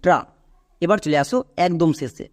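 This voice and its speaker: A man with a Bengali accent teaching English pronunciation, spelling out letters slowly and repeating each rule to his students. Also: on the high side, a little mellow. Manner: slow, deliberate spelling out of letters and sounds; addresses students directly, repeats rules. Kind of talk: spoken lesson.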